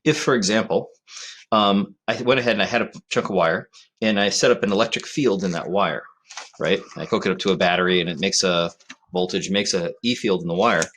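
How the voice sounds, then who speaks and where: A male physics teacher giving a recorded lecture in a conversational way, often checking in with "right?" and pausing on fillers. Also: low-pitched, a bit bright.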